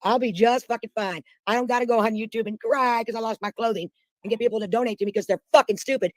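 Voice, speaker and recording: A woman's voice: a little high, fast, a little mellow, no room sound, studio quality. A woman guest on a live chat, ranting bluntly and swearing a lot. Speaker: guest caller. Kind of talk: heated casual chat.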